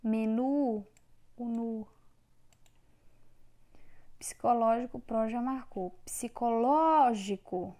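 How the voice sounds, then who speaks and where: A woman teacher giving a recorded grammar lesson, dictating words slowly and clearly syllable by syllable. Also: fairly high pitch, fairly even intonation, dark tone. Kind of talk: online Portuguese grammar lesson.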